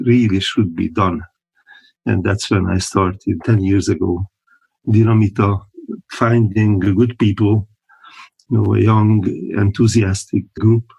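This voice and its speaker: A man in his sixties, from Hungary and speaking, answering interview questions in a calm, thoughtful way with pauses and the odd chuckle. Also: on the low side, husky, poor audio. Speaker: guest, company founder. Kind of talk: casual interview talk.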